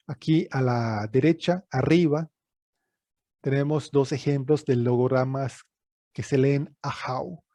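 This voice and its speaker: Mexican man lecturing, dark dry voice. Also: fairly high pitch, no echo. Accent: Yucatán Spanish. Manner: explanatory, with frequent fillers and check-ins. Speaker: archaeologist lecturing. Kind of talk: recorded lecture.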